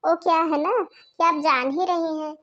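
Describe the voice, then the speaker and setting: A rude, impatient sister-in-law from a cartoon, as a woman voices her. She talks loudly and curtly, and her voice is high. She scolds in clipped, irritated lines. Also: steady tone, measured pace, highs cut off. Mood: dismissive. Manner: loud, scolding, curt. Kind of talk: cartoon voice acting.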